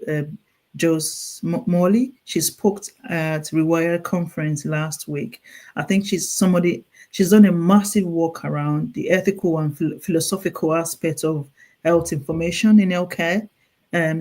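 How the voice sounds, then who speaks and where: As an interview guest, a woman with a Nigerian accent who is a clinical nurse specialist speaks earnestly and urgently, with frequent restarts and repetitions. Her voice is deep and a little mellow.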